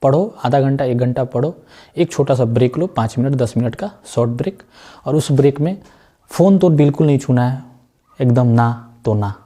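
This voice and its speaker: A man teaching a math lesson in a loose, chatty way. His voice is dark and mellow, and he keeps checking that the students follow along, dropping in jokey asides. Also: mid-range voice, moderate pace. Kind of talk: chatty classroom lesson with side talks.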